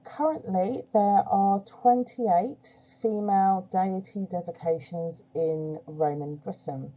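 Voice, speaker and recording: A woman presenting an archaeology talk in an academic style, pausing often with filler sounds as she goes. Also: mid-range voice. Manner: hesitant, many filler pauses. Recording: dull lo-fi recording.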